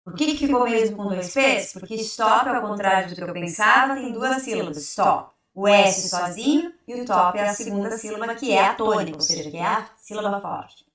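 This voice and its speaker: A woman teaching an English grammar lesson who explains step by step, asks and answers her own questions, and reads the example sentences out slowly. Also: mid-range voice, fairly bright tone. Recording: very echoey room, heard from a distance.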